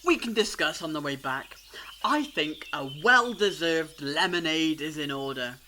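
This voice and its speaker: A man's voice: a little high, lively intonation, a little slow, pushed and bright, a little hiss or hum, full character voice. A man playing a clever, theatrical, reassuring alien time traveller in a fan audio drama, explaining things eloquently. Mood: light, chatty.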